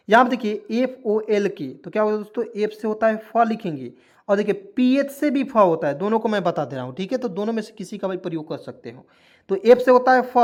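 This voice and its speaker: A man with a Hindi-speaking Indian accent, a teacher giving a pronunciation lesson, repeating words and answering his own questions. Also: high-pitched. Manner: repetitive, drills words aloud, asks and answers own questions. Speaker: English teacher. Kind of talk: classroom lesson explaining pronunciation.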